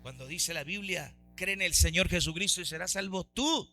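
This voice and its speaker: A man preaching a sermon as pastor, fervent, swinging between loud exclamations and soft low asides. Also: normal speed, slight background noise.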